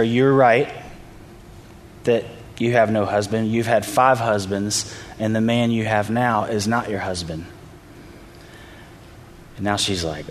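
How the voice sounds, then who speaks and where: A man preaching a sermon, retelling a story in a relaxed, conversational way and briefly acting out the people in it. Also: medium pitch, a little hiss or hum. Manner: conversational storytelling, acts out quoted voices. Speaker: pastor. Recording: reverberant hall, faint ambience.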